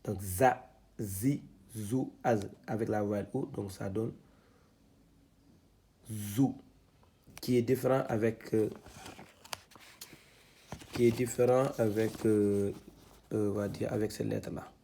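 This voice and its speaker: A man teaching Quran reading, spelling out syllables one by one, halting and repeating himself with many fillers. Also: lowish voice, steady tone, creaky, warm tone, a little hiss or hum. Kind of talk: step-by-step lesson, spelling out syllables.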